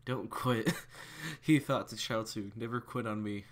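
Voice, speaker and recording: A man's voice: on the low side, a little slow. A young man casually reading fan fiction aloud, stumbling over words and correcting himself as he goes. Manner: stumbling, self-correcting, chuckling asides.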